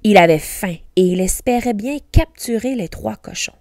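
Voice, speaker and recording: A woman teacher reading a storybook aloud slowly, carefully pronouncing each word for learners. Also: mid-range voice, lively intonation, darkish tone, no echo, studio quality.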